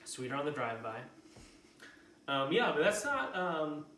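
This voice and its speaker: A man's voice: on the high side, big pitch swings, unhurried, sharp tone, a little hiss or hum. A man hosting a whisky tasting, explaining flavors in a hesitant way full of ums and likes. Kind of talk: casual tasting chat. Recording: roomy sound from a distant mic.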